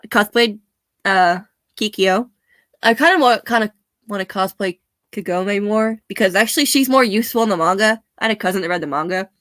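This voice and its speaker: A young woman, a bit hoarse, chatting casually and laughing often as she rambles. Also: medium pitch, brisk, fairly bright tone, no echo. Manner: chatty, laughs often, self-deprecating asides. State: slightly hoarse.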